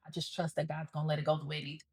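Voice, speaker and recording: A woman's voice: low-pitched, monotone, very fast, creaky, breathy edge, no echo. A young adult woman, a comedian guest in a casual interview, upbeat but nervous and loose, with a rambling way of talking.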